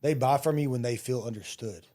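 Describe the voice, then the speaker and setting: A man's voice: medium pitch, a little fast, dark tone. A man hosting a podcast, chatting casually and affirming his guest often. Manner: frequent affirming back-channel, rambling anecdotes. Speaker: podcast host.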